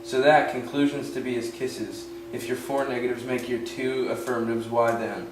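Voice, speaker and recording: A man's voice: mid-range voice, fairly even intonation, moderate pace, over music, lightly acted. A young man playing a witty, mocking jester in an amateur Shakespeare performance, with playful, punning delivery. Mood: teasing. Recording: echoey room, far from mic, noisy.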